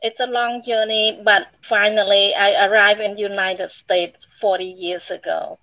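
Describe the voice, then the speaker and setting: A woman in her sixties from Cambodia, a guest author speaking slowly and reflectively in a casual panel chat. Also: mid-range voice, little pitch movement, pushed and bright, dry recording, low-quality recording. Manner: slow and reflective.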